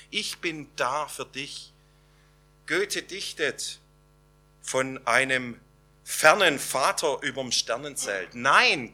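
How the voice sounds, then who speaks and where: Slow, bright-voiced German preacher. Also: male voice, a little high. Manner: slow emphatic preaching with dramatic pauses. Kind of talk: sermon.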